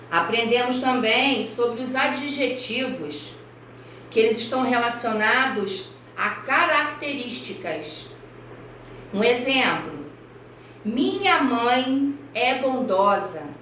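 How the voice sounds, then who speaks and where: A woman primary school teacher from Brazil giving a recorded review lesson for children, speaking slowly and carefully and spelling out each example. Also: a little high, bright, forceful tone, a little hiss or hum. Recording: echoey room, voice far from mic.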